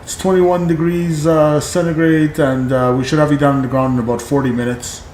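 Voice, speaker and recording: A man doing an airline captain's cabin announcement over the intercom, with a formal, measured delivery. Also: a little high, little pitch movement, a little mellow, echoey room, slight background noise. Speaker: flight sim streamer.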